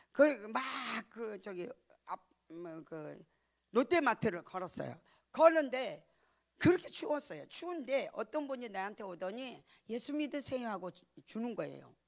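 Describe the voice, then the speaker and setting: A middle-aged woman pastor giving a sermon, telling a personal story with emotion and swinging from loud emphatic lines to hushed, almost whispered ones. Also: mid-range voice.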